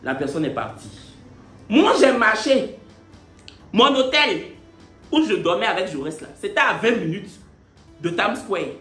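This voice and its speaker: A man telling a story in a playful, animated way and laughing often. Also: high-pitched, normal speed, reverberant, faint music behind. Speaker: vlogger. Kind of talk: casual storytelling.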